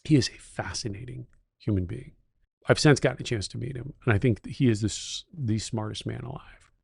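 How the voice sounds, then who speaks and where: A middle-aged man co-hosting a podcast, with a gravelly, fry-edged voice. He speaks at an ordinary pitch and tells stories with keen enthusiasm, and the sound is dry and close with no room echo. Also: a little fast. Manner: enthusiastic storyteller, techno-utopian. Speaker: podcast co-host. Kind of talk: casual chat.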